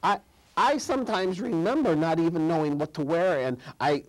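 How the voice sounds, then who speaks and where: A man's voice: fairly high pitch, moderate pace, rough recording. A man in his fifties from Chicago, a guest filmmaker in a studio interview, speaking thoughtfully with frequent restarts and trailing phrases. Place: TV studio set.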